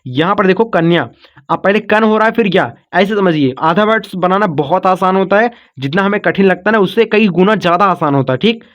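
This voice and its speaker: A man's voice: high-pitched, animated, brisk, fairly bright tone, dull audio. A man teaching an online spelling lesson, patiently breaking words into syllables, repeating himself often and checking in with his students. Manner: calls listeners "kids" and "brother", checks in with "okay".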